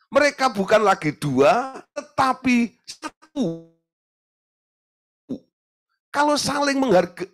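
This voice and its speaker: A male pastor preaching with lively, sweeping changes in pitch. His voice sits somewhat high for a man. He keeps the sermon light and humorous and checks in with the congregation through short questions. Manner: animated, humorous, acts out voices; addresses the congregation with tag questions.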